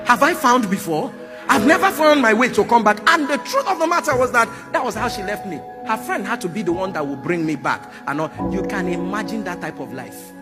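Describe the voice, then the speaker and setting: High-voiced preacher over music. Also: male voice, brisk. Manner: animated, sound effects, rising to shouts. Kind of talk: sermon storytelling. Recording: music playing underneath.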